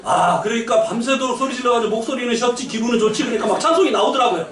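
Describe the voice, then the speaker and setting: Man, high and very lively pitch, preaching a testimony; recorded from a distance in an echoey hall. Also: very fast, a crowd in the background. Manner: animated storytelling with shouted punchlines and laughter. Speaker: lay preacher giving a testimony. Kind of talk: sermon testimony. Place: church meeting hall.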